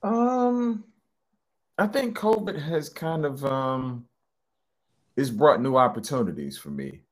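A man's voice: medium pitch, animated, slow. A middle-aged man, a hypnotherapist being interviewed, talking casually and rambling with lots of ums and restarts. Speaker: hypnotherapist guest.

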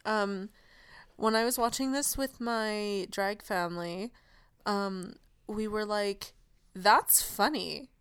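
A woman chatting casually on a podcast, jumping in quickly. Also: medium pitch, steady tone, clean tone, no echo, studio quality. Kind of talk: casual chat.

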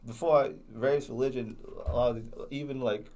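A man's voice: medium pitch, steady tone, brisk, darkish tone. Young male co-host, slight lisp, loose rambling delivery, casual talk. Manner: rambling, many restarts and fillers. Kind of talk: casual chat.

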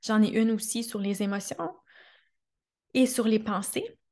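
A woman in her thirties with a Québécois accent speaks to her listeners in a motivational podcast monologue. Her voice sits a little high, and she is earnest and emphatic, repeating key phrases. She checks in with her audience and laughs easily as she talks. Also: animated, a little slow, mellow. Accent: Québécois French. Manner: laughs often while talking. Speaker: podcast host and coach.

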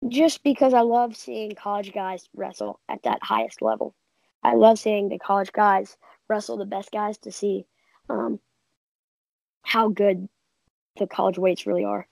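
A woman's voice: mid-range voice, expressive, measured pace, creaky, a little mellow, dry recording, poor audio. A woman co-hosting a casual sports chat, giving confident, opinionated picks. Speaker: podcast co-host.

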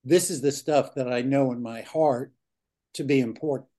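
A man's voice: medium pitch, normal speed, mellow. An older man co-hosting a golf podcast, talking earnestly and reflectively, with fillers. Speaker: podcast co-host. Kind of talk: casual chat.

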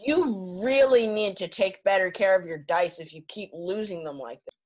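A woman acting as game master, narrating a tabletop game casually in a halting, improvised way. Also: medium pitch, darkish tone, slight background noise, poor audio.

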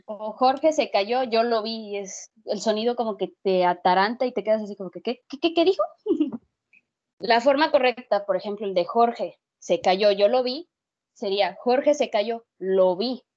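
A woman co-hosting a casual educational podcast, explaining lively with spoken examples. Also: mid-range voice, moderate pace. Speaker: podcast co-host. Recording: dull lo-fi sound.

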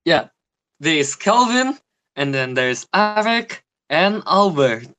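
A laid-back young man co-hosts a casual podcast. His voice sits a bit high. He talks in a teasing, easy way. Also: very animated, takes it slowly, sharp tone. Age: young adult. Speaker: co-host. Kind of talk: casual chat.

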